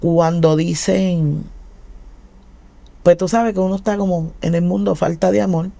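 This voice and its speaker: A woman's voice: lowish voice, steady tone, a little slow, creaky, warm tone, no room sound. A Puerto Rican woman giving her testimony in casual talk, telling her story with animation and acting out what people said. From Puerto Rico.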